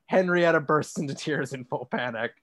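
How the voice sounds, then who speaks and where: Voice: medium pitch, normal speed, dry recording. A podcast co-host reading a script's stage directions aloud, with wry asides.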